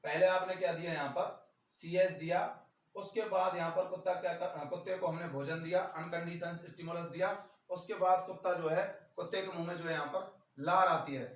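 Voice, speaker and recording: A man's voice: sits high, fairly even intonation, a bit bright, recorded from a distance. Man teaching in an echoey room. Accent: Rajasthani. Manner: repetitive, stressing key terms slowly. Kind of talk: exam-prep lecture.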